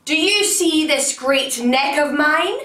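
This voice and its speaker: A woman voicing a fearsome giant creature haunting a ruined abbey, booming and boastful, recorded roomy and from a distance. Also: expressive, takes it slowly, sharp tone, full character voice. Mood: menacing.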